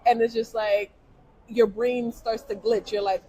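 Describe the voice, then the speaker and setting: A woman's voice: on the high side, a little slow, poor audio. A woman born in Jamaica, a business owner, telling stories in a casual panel chat with lots of "like". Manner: animated storyteller, heavy use of "like". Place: trade show event.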